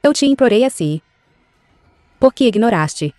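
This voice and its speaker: Casting: mãe guerreira angustiada, sotaque de Portugal, drama de época dublado. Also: female voice, on the high side, expressive, unhurried, warm tone, dry recording. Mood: anguished. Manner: accusing, then desperate pleading. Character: grieving mother, noble general's wife, fierce. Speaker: dubbing actress.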